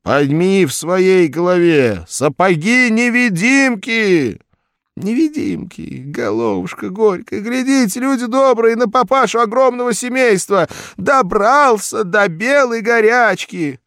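A shrieking, scolding housewife in a storybook reading, played by a man pushing his voice far up and loud. She wails her complaints in a dry, close recording. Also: high-pitched, animated, slow pace, dry recording, voice pushed up, full character voice. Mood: shrill scolding. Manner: wailing, scolding at the top of her voice. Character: shrewish working-class wife, shrill, scolding.

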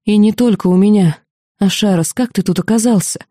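A woman's voice: mid-range voice, fairly quick, warm tone, no echo, studio quality, natural voice. Woman narrator as strict female mentor, strained and emotional, audiobook. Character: tough female mentor, marquise, breaking into sobs.

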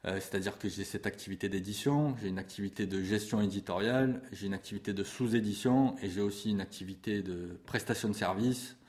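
A man's voice: lowish voice, a little fast, hardly any pauses, a little mellow. A man in his forties, a music publisher, talking with passion about his trade in an interview, with many fillers and restarts. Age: 40s. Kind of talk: interview conversation.

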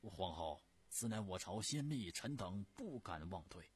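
A male storyteller voicing a principled court minister who argues in measured, drawn-out, dogged speech. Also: deep voice, lively intonation, slightly rough, full character voice. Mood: resolute.

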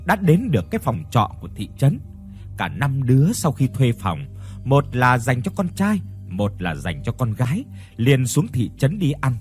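A man narrating a ghost story in an expressive storytelling manner. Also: medium pitch.

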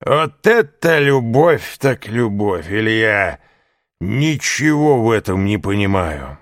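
A man voicing a loud, drunken, boastful middle-aged man in a tavern, talking in a slurring, mocking way. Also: fairly low pitch, sing-song, slow pace, dry recording, clean studio sound, voice pushed up. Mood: drunkenly jovial.

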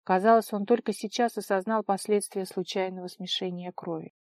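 A woman narrating an audiobook with expressive, dramatic delivery. Her voice is mellow and warm, and the recording is close and dry with no room sound. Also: medium pitch, brisk, dry recording. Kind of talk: audiobook reading.

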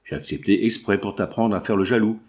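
A brash young showgirl, cheeky and streetwise, voiced by a man reading a novel aloud. She scolds and teases, in a raised voice. This is a low male reader lifting his voice for the part. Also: fairly quick, natural voice. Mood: indignant. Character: brash red-haired young woman, a bold showgirl. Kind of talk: audiobook reading.

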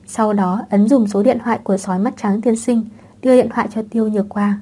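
A woman narrating a web novel audiobook in a calm, even storytelling manner. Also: medium pitch, quick pace, breathy edge.

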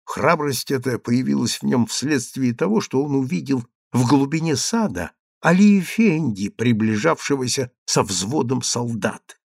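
A man narrating an audiobook in an expressive reading style, voicing each character. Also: medium pitch, measured pace, gravelly, slightly rough, no room sound, clean studio sound.

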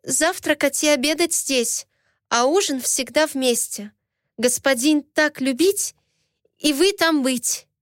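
A woman's voice: sits high, dry recording, studio quality. A woman doing a timid foreign maid. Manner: broken, halting grammar. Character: quiet foreign maid, broken speech, young woman.

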